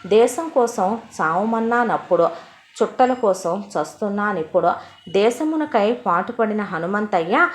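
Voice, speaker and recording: A woman's voice: mid-range voice, expressive, a little slow, close to an everyday voice. Woman voicing a rambling half-mad old father. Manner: wordplay-filled, philosophical rambling. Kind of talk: Telugu audio story acting.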